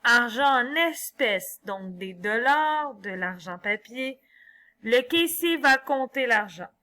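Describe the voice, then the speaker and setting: A French teacher walks through an online exercise step by step, thinking aloud as she goes. Her fairly high voice is animated, pushed and bright, and she takes things slowly.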